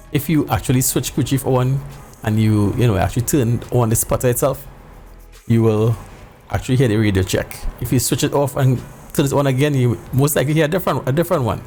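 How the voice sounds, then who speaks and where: Middle-aged man, creaky mellow voice, casual tutorial host, music behind. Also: mid-range voice. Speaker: sim racing video host. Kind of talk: casual tutorial talk to viewers. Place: indoor home room.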